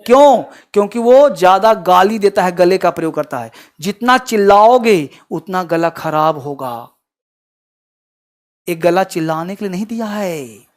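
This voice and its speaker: A man teaching a class in a lecture style, constantly quizzing his students and swinging between loud emphasis and quiet asides. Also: sits high, lively intonation, measured pace. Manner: addresses students with frequent quizzing questions.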